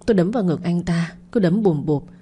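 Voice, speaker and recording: A woman narrating a first-person story in a steady reading voice. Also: lowish voice, fairly quick, breathy edge.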